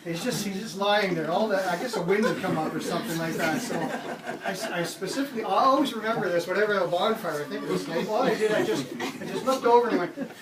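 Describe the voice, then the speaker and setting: Man, middle-aged, from Canada, high voice, animated and laughing, distant mic, audible room ambience. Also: fast talker, echoey room, a loud crowd, heavy background noise. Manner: laughing often, animated retelling. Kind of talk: casual spoken anecdote.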